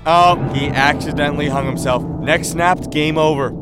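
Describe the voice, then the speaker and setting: A man voicing a sports announcer giving excited play-by-play in a comedy audio drama. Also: a little high, moderate pace, loud music behind the voice, lightly acted. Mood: hyped. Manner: play-by-play commentary, building hype.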